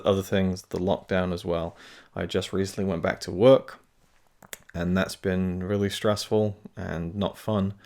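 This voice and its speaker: The host of a film review channel gives a casual update to camera, rambling and hesitant with many fillers and restarts as he talks carefully around tooth pain. His voice is low-pitched and a little mellow.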